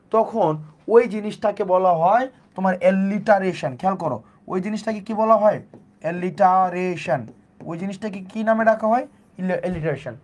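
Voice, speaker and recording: An English teacher, giving a live online class. The teacher repeats sounds over and over and asks and answers their own questions. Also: mid-range voice.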